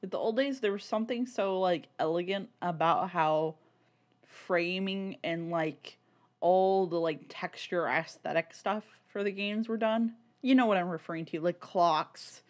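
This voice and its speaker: This woman co-hosts a podcast, talking at a measured pace in a lowish voice. She keeps things informal and sweary, dropping "like" into her sentences again and again.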